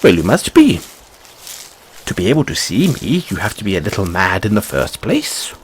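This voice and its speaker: A man performs a nervous, courteous, whimsical rabbit boy for a fantasy audio roleplay spoken to the listener, using stammered, old-fashioned wording. The full character voice sits on the low side, slightly rough, with huge pitch swings at a moderate pace. The mood is whimsical and musing.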